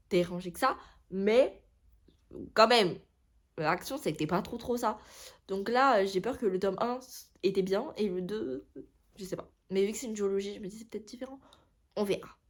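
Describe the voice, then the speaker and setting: A young woman talking casually about books in a vlog, rambling, chatty and often correcting herself. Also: fairly low pitch. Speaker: book vlogger. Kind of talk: casual chat.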